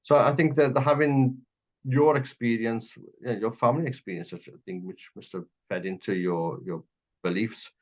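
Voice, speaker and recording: Hosting a political interview on radio, this Welsh man speaks emphatically in long, clause-piled sentences with a conversational feel. His voice is medium-pitched at normal speed, and the sound is dull and muffled lo-fi.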